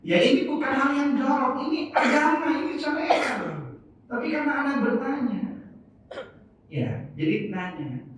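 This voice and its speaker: Brief: man in his 50s, preacher, unhurried delivery, recorded from afar in a very echoey mosque. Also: extremely high pitch, very animated. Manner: playful, question-and-answer with congregation. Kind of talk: sermon. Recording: echoey mosque from far off, faint noise.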